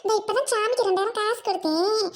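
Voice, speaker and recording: Woman, thirties, Tamil accent, squeaky high voice, whiny and pleading, comic skit. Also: fast talker, noisy background. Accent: Tamil Nadu Tamil. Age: 30s. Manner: whiny, pleading, sobs and laughs in turns. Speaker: comedy skit actress.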